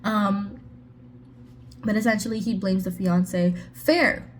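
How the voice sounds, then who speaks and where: A woman's voice: medium pitch, fairly even intonation, takes it slowly, a little hiss or hum. A woman casually reviewing a book on her vlog, talking in a chatty way with sarcastic asides.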